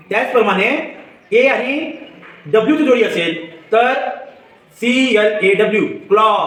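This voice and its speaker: A man giving a children's phonics lesson, slowly spelling out letters and asking the viewer questions, then answering them himself. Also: sits high, a bit bright. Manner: slow, patient, spells letters one by one. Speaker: teacher. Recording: echoey room, far from mic.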